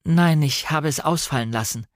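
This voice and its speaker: A man's voice: a little high, normal speed, no echo, studio quality, voice pushed up, close to an everyday voice. A man voicing a desperate young wife. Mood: urgent. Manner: urgent, pleading. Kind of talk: audiobook reading.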